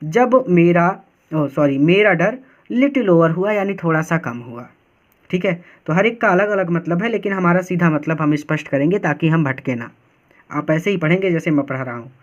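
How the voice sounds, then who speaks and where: A man's voice: fairly high pitch, lively intonation, normal speed. A male teacher giving a lesson, reading English lines and explaining them patiently in Hindi, repeating each point. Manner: patient and repetitive. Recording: dull, lo-fi recording.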